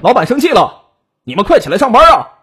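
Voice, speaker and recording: A man narrating a crime story voices a young male coworker who impatiently shouts through a door. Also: sits high, very animated, quick pace, slight background noise, voice pushed up, heavily acted. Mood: impatient shouting. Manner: impatient, yelling.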